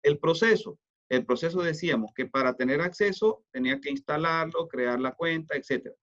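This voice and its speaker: A man's voice: fairly high pitch, a little fast, a bit bright. Male teacher, lo-fi call audio. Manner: explanatory, often checks understanding with tag questions. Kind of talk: online lecture. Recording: dull lo-fi online class audio.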